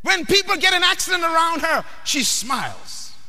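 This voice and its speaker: A man from the Bahamas, preaching a sermon emphatically, questioning the crowd and often shouting. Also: very high-pitched, very animated, normal speed. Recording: long hall reverb.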